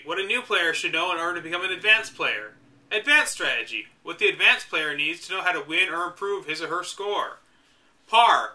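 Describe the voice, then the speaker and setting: The audio is poor, but the young man's voice comes through high, bright and forceful. He reads an old game guide aloud, breaking in with dry, mocking sarcasm.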